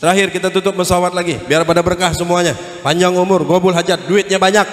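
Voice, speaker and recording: A man's voice: fairly even intonation, fast. Fiery male preacher in an echoey mosque. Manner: swings from shouted rallying calls to low murmured asides. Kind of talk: humorous fiery sermon. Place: large mosque hall. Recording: echoey mosque hall with long reverb.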